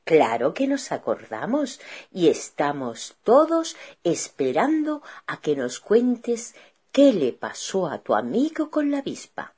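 A woman's voice: fairly low pitch, wildly swooping pitch, slow pace, warm tone, breathy edge. A woman radio host, welcoming and encouraging a young caller on air.

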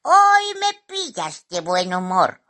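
A woman's voice: fairly low pitch, wildly swooping pitch, takes it slowly, pushed and bright, full character voice. A woman voicing an old, clever and sly female magpie in a storybook reading, with a bossy, teasing manner. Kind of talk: storybook narration.

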